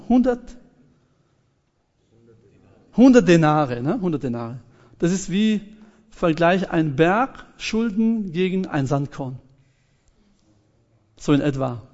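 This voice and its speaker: A man preaching a sermon, retelling a parable with lively storytelling, acting out its characters and speaking straight to his congregation. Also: high-pitched. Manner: addresses the congregation directly. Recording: reverberant hall, dull lo-fi sound.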